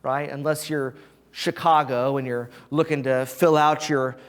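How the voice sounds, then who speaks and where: A preacher giving a sermon in a church, animated and full of rhetorical questions put to the congregation. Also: mid-range voice, measured pace, in a large hall. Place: church sanctuary.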